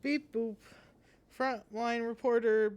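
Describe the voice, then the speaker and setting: A woman streamer reading game lines aloud, putting on a slow, clipped robot voice for a beeping little reporter creature. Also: a little high, steady tone, a little mellow, muffled recording. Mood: robotic.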